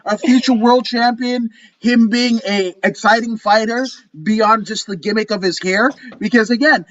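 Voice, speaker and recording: A man co-hosting a casual podcast chat, animated and profane, rambling through his rants. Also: high-pitched, normal speed, no echo, muffled recording. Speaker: co-host.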